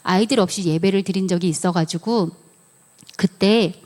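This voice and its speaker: In a church sanctuary, a middle-aged woman with a lowish, darkish voice gives an earnest sermon testimony at normal speed, telling her story and acting out her own prayers and conversations.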